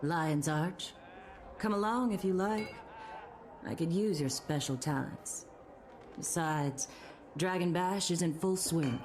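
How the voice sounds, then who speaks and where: A woman's voice: fairly low pitch, slow pace, long pauses, slight background noise. An actress playing a wry, world-weary female private detective in a film noir style video game story, with dry, sardonic delivery. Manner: dry, sardonic, hard-boiled. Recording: game dialogue under loud music.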